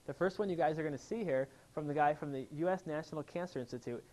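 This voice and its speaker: Here a chiropractor talks fast, his slightly high voice carrying a dark tone. Before a live audience in the room, he delivers an eager health seminar and keeps quizzing the listeners.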